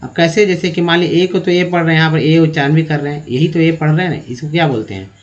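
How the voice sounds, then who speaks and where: A man teaching an English pronunciation lesson, slowly spelling words letter by letter and addressing viewers as friends. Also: a little high. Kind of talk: spoken language lesson. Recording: dull lo-fi recording.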